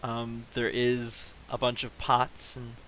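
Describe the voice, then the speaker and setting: Man, game master, slow-paced, halting scene narration, mid-pitched voice. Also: completely flat delivery, a bit bright, slight background noise, poor audio.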